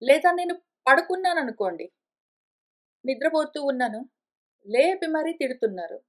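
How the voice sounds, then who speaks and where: A woman with a high, light voice teaches a scripture class. She explains each point patiently, step by step, building on everyday examples. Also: big pitch swings, moderate pace. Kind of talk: explanatory lecture. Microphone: conference call line.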